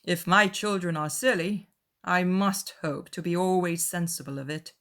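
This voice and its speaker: Woman doing wry old-fashioned country gent dad, middle-aged, dry and slow deliberate delivery, audiobook drama. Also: fairly low pitch, a bit bright, close to an everyday voice. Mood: dry, sardonic.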